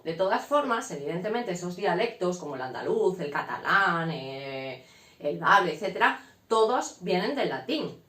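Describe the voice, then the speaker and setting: A woman's voice: mid-range voice, fairly bright tone. A woman, teaching a casual lesson to her students and checking in often with short questions as she explains. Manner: frequent "¿vale?" check-ins, explanatory. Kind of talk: casual classroom lecture. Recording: echoey room.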